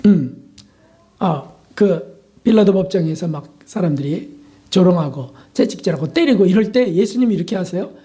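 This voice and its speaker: A man's voice: sits high, lively intonation, normal speed, dark tone. A male pastor preaching a sermon with emphatic, dramatic questions.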